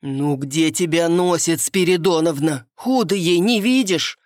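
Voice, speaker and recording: A woman reading an audiobook, voicing a stout, kindly peasant woman of about fifty with a low chest voice and folksy, soothing speech. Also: expressive, normal speed, no echo, clean studio sound, natural voice. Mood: anxious. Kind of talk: audiobook character voice.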